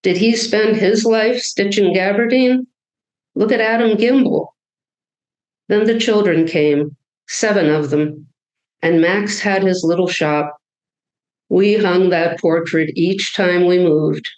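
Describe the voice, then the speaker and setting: Casting: a reader playing a blunt old great-grandmother with a German accent, slow and wry, roomy live sound. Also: medium pitch, close to an everyday voice. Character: stern immigrant great-grandmother, woman, old.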